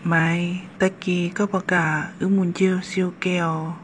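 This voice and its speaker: A woman with a lowish, fairly flat voice speaks unhurriedly as a chatty village woman in a homemade cartoon, lightly acted and plainly conversational. This amateur voice actor recorded on a phone microphone, with a hushed mood and slight background noise.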